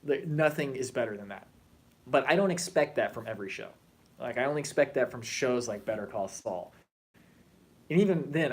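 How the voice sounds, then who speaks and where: A man vlogging in a casual, animated way, chatting and drifting between tangents. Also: medium pitch, husky. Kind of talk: casual chat to camera.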